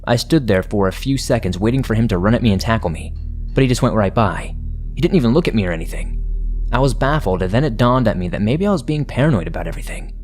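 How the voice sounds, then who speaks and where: A man with a deep voice narrates scary stories that listeners have submitted, reading from a script in a steady, measured way. Soft music plays quietly beneath him.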